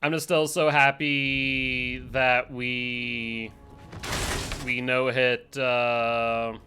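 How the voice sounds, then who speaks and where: A man's voice: medium pitch, very slow, smooth. Chatty young man streaming a game. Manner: chatty, self-deprecating, animated. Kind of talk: casual gameplay commentary. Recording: streamed with game music behind. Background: game music.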